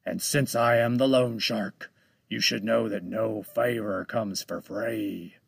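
A man voicing a slow, menacing giant shark. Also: fairly low pitch, steady tone, creaky, slightly rough, no room sound, studio quality, full character voice. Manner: slow, heavy, drawn-out menace. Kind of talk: storybook read-aloud.

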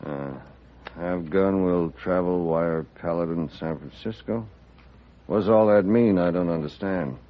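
A gruff American railroad superintendent of the Old West. He talks in a folksy, dismissive, cocky way. The old radio western recording sounds dull. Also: deep voice, unhurried. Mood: folksy, wary. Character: gruff, cocky, hostile frontier railroad boss. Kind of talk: 1950s radio western acting.

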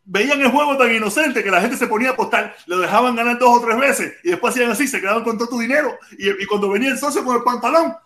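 A Cuban man hosting a live stream who tells stories in animated casual chat, repeating phrases and acting out quotes. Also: extremely high pitch, rapid-fire, few pauses.

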